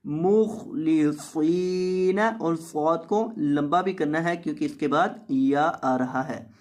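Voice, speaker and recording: Patient tajweed teacher, unhurried overall, mid-pitched, stretches out every recited word and repeats it. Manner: recites words slowly and drawn out, then explains in quick, soft asides; repeats each word several times for the learner to follow. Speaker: Quran teacher. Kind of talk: tajweed lesson, recitation and explanation.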